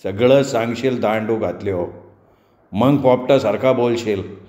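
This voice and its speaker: A man doing a gruff, barking village policeman. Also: lowish voice, mellow, roomy sound, voice pushed down, natural voice. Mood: threatening. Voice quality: gruff, barking, slow menacing. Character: gruff middle-aged village police constable.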